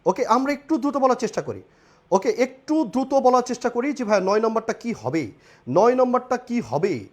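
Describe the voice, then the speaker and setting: Animated young man teaching online. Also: very high voice, normal speed. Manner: repetitive, animated, joking asides with students. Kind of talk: live online class lecture.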